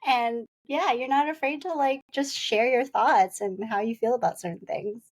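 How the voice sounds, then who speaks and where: A woman's voice: a little high, normal speed. A woman hosting a podcast, affirming and encouraging her guest in casual conversation. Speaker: podcast host.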